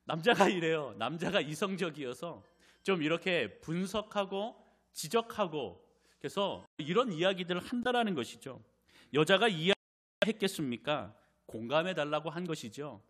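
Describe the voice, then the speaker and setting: Animated, lively-voiced male pastor preaching. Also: on the high side, normal speed. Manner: animated storytelling with direct appeals to the congregation. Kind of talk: sermon. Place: church.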